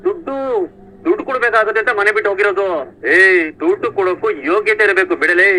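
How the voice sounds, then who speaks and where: A man playing an arrogant, hot-tempered eldest son in a TV serial, scolding and shouting. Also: high voice, fast talker, slight background noise, poor audio. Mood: angry. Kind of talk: TV serial acting.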